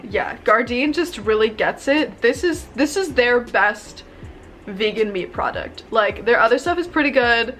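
With faint music behind her, a young woman in her twenties records a casual haul vlog in her bedroom, bubbly, chatty and gushing, peppering her talk with "like" and "um". Her voice is a little high, expressive and fairly bright, at a measured pace.

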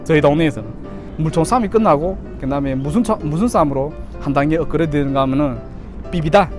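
A man's voice: fairly high pitch, quick pace, music in the background. A man in his thirties from Yanbian, China, with a Chinese-Korean Yanbian accent, telling stories casually to camera as a YouTuber. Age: 30s. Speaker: YouTuber telling childhood memories.

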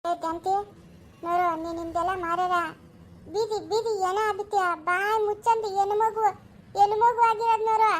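A woman playing a defiant young village mother who scolds her rival in sharp retorts, in a homemade family drama. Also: very high-pitched, level tone, moderate pace, a little hiss or hum. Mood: scolding.

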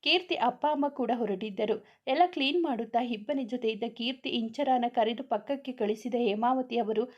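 Kannada-accented woman storyteller, even steady reading, a bit high. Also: normal speed, muffled recording. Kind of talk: serialized romance story narration.

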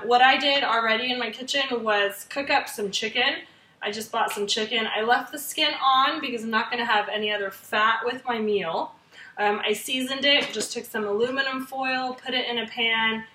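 An American woman in her thirties, a fitness gym trainer hosting a meal prep series, gives a casual, chatty cooking demo to camera in her home kitchen. Her voice is on the high side, pushed and bright. A camera mic a few feet away picks her up, so the kitchen sounds echoey and distant.

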